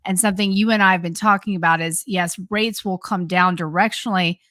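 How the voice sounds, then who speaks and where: A woman commenting on a live stream in a measured, halting way with frequent restarts. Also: lowish voice, steady tone, fairly bright tone, no room sound, studio quality. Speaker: co-host, commentator.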